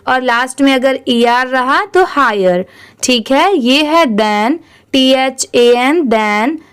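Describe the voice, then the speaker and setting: A woman's voice: sits high, clean tone. A woman teaching English reading in Hindi. She spells words out letter by letter and asks and answers her own questions as she goes.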